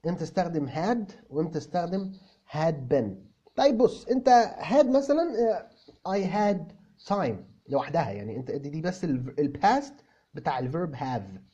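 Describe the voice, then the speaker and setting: Egyptian man as an English teacher, fairly high, husky, answering viewers, dull lo-fi audio. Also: normal speed. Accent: Egyptian Arabic. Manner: animated, repeats words for emphasis, mixes English terms into Arabic. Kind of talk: answering viewer questions in a video lesson.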